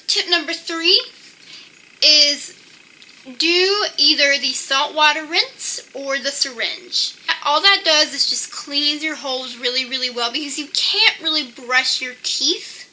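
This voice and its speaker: Speaking slowly in a high, sharp voice, a young woman vlogger chats casually through her personal tips, saying "like" all the time. The recording is low quality, with a little hiss or hum.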